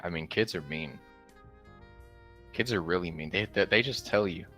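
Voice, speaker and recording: A young man with a fairly low voice trades jokes on a casual podcast and keeps dropping into silly voices. Faint music plays softly underneath him. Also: moderate pace. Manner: jokey, slips into put-on voices for bits. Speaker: podcast co-host. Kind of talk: casual comedic banter.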